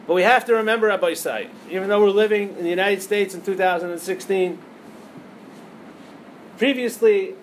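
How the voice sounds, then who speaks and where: A man with a high-pitched voice teaches a Torah lesson, weaving Hebrew terms into plain English. He tells a parable and keeps asking his listeners questions. A faint hum sits under the recording. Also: fairly quick, pauses often, poor audio. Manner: storytelling with rhetorical questions, many Hebrew terms. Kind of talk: teaching a lesson on liturgical poems.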